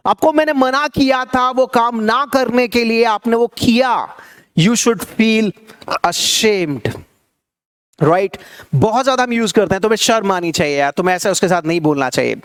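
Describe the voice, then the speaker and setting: A man teaching spoken English, explaining quickly and then repeating each phrase slowly for learners to say along. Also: very high voice, fairly bright tone, smooth. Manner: quick conversational explanations between drills.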